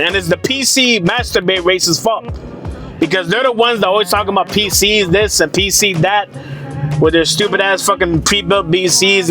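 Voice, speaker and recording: A man's voice: high voice, a bit bright. A young man ranting casually about gaming prices, profane, rambling and sarcastic. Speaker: gaming commentator. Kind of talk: casual rant to camera.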